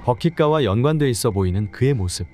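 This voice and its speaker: A man narrating a drama recap in a brisk, scripted storytelling voice. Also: medium pitch, animated. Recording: narration over loud background music.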